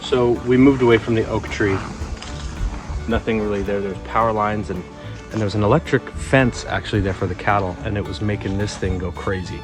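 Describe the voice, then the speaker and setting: A man's voice: fairly low pitch, fairly even intonation, fairly quick, music in the background. A man narrating a casual outdoor vlog as a metal detecting hobbyist, thinking aloud in a musing, tentative way. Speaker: metal detecting hobbyist presenting his finds. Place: outdoors in a backyard.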